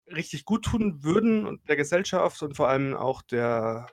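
A man's voice: on the high side, big pitch swings, moderate pace. A man in his late thirties from Germany, co-hosting a casual podcast chat and talking with many fillers and restarts. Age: late 30s. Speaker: podcast co-host.

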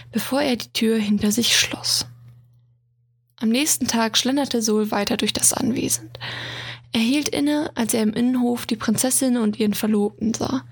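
Husky whispering woman storyteller. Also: on the high side. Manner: slow, soft whispering. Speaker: narrator.

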